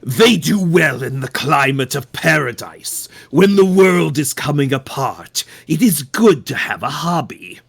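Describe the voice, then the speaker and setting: A man voicing a devout video game villain, speaking slowly with theatrical menace and formal solemnity. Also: a little high, very animated, creaky, slightly rough, full character voice. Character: slow, menacing, devout male villain obsessed with gods. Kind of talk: dramatic video game character read-aloud.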